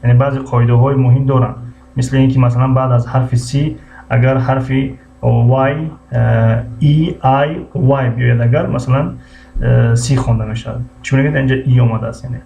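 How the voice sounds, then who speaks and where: Tajik man teaching words slowly. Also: mid-range voice, steady tone, vocal fry, mellow. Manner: repeats each word slowly, greets viewers by name. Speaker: English teacher. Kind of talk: live-streamed language lesson. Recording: muffled lo-fi stream audio with faint hum.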